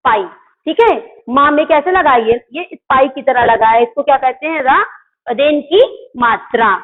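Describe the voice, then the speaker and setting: A woman's voice: high-pitched, moderate pace. A woman teaching a Hindi grammar class online to children. She asks the class questions and answers them herself, and she stops to correct her own slips. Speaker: school teacher. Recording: tinny phone-like audio.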